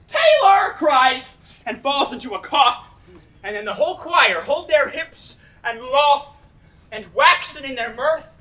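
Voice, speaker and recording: A woman's voice: sits high, sharp tone, heavily acted. A woman acting a merry, knavish hobgoblin trickster in verse on stage, theatrical and mischievous in the Shakespearean manner. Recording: stage recording from a distance.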